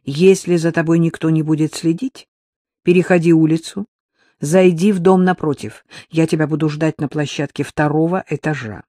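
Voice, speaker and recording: A man's voice: a little high, steady tone, moderate pace, dark tone, no echo, studio quality, lightly acted. A man reading the part of a tired, determined young woman on the run who gives terse, urgent instructions.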